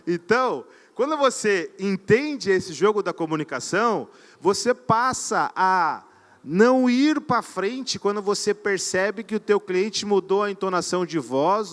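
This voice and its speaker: A man with a fairly high voice delivers a live sales talk from an event stage. He speaks with energy and keeps firing questions at the audience to pull them in. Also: fairly bright tone. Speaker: conference speaker.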